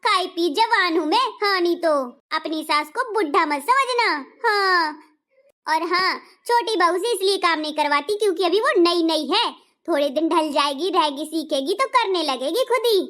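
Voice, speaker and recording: A woman's voice: very high-pitched, lively intonation, moderate pace, bright, forceful tone, full character voice. A woman playing a fussy, scolding mother-in-law who sighs in exasperation in a comic skit. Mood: defensive.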